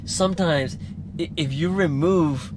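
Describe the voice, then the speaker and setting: A man's voice: fairly high pitch, unhurried. A man hosting a podcast from a car, chatting casually and encouraging his guest with rambling stories. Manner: coaching, encouraging, rambling storyteller. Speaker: podcast host. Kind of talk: casual interview chat. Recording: noisy car recording.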